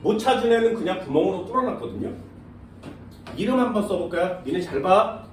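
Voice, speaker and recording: Lively and brisk, this high-voiced science teacher checks in with his students again and again during a classroom lecture. His speech shifts between polite forms and casual banmal, and the sound comes from far off in an echoey room with faint background noise.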